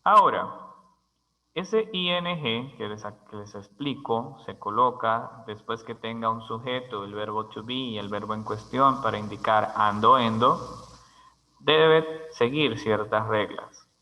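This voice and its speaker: Male language teacher, unhurried and methodical, crisp tone, long room reverb. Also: lowish voice, pushed and bright. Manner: slow, deliberate, spells words letter by letter. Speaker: English teacher. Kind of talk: grammar lesson.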